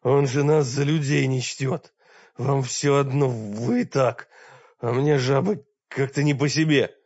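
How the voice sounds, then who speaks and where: Male reader voicing a hoarse, gruff wounded warrior, low and strained, on a dull dry recording. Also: takes it slowly, a little mellow, no room sound. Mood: urgent. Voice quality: hoarse, rasping. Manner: gruff, curt.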